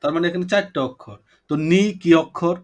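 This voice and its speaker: A man's voice: high voice, quick pace, a little mellow. A man teaching a poetry class over a video call, explaining points patiently, repeating them and asking his students questions. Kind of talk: online class lecture.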